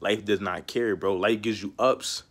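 A man's voice: on the low side, fairly even intonation, measured pace. A young man talking casually to camera, rambling and slangy, giving street-style life advice and constantly saying "bro". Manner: slangy and rambling, peppered with "bro" and "you know what I'm saying". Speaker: vlogger.

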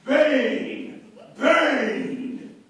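A man's voice: very high voice, lively intonation, fairly bright tone, full character voice. A man performing a hulking, dim-witted, lumbering henchman in a comic stage act, recorded in a classroom. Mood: boisterous. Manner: slow, lumbering, simple-minded. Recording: echoey classroom, far phone camera.

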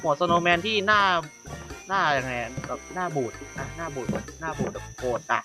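A man's voice: a little high, expressive, fairly quick, over music. A man giving casual, rambling commentary as he walks viewers through an online game, with many fillers and self-corrections. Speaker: gaming YouTuber.

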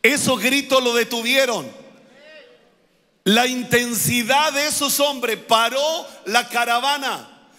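A male pastor, preaching a fervent sermon that keeps repeating and building to shouts. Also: very high voice, steady tone, slow, big-room sound. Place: church.

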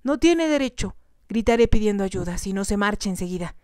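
Woman putting on a shrill terrified young lady. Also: big pitch swings, unhurried, mellow, dry recording, studio quality. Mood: frightened pleading. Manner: pleading, shrill and tense. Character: frightened young woman pleading with an intruder.

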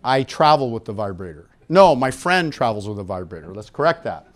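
Speaking into a handheld mic, a middle-aged man lectures on sexual health to a seated audience in an indoor conference room. His mid-range voice is sing-song and brisk, and his frank, informal talk stays jokey and conversational.

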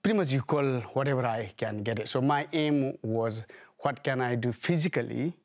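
A man's voice: medium pitch, normal speed, a little mellow. A man from Nepal with a Nepali accent, a guest in a TV news studio, speaking hesitantly with many fillers and restarts. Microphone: lapel mic.

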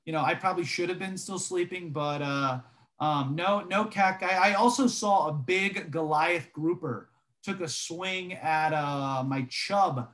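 A man's voice: a little high, unhurried. Young man chatting on a video call. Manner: relaxed storytelling with frequent fillers. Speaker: podcast co-host. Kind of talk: casual chat.

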